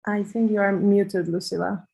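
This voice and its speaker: A woman's voice: medium pitch, fairly even intonation, normal speed, vocal fry, dark tone, slightly rough, lo-fi sound. A woman hosting an online meetup over a video call, polite and helpful. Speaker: meetup host.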